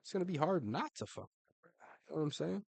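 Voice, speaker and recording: A man's voice: fairly high pitch, sing-song, racing, creaky, husky, no room sound. A man giving casual, slangy commentary, swearing and tossing in "bro" constantly, with laughs between remarks. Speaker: online commentator ranking fighters.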